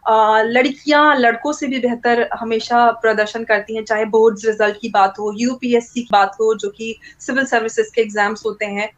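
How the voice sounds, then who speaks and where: A woman's voice: a little high, little pitch movement, normal speed, few pauses, highs cut off. A woman from India, speaking as an interview guest in an earnest, explaining way. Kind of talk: casual interview talk.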